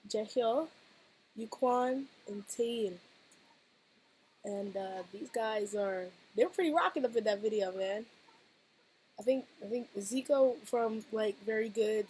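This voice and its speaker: A woman hosting a casual reaction vlog, chatty and rambling, laughing often, with a hoarse-sounding voice. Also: on the high side, darkish tone, poor audio. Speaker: reaction video host.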